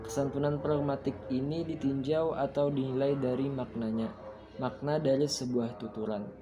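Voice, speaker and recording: A young man presenting coursework as an explanatory lesson, working through points one by one in a steady, methodical way. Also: mid-range voice, noisy background.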